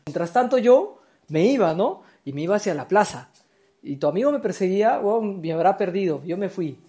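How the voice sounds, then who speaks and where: A man's voice: high voice, animated, brisk, warm tone. A man with a Peruvian accent, chatting casually and trading slang-filled stories with a friend. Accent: Peruvian Spanish. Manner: laid-back, slangy banter. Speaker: podcast co-host. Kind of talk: casual storytelling among friends.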